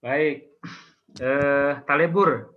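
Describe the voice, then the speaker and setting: A man with an Indonesian accent teaching an online language class informally, patiently asking questions and pausing often. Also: a little high, narrow, tinny audio.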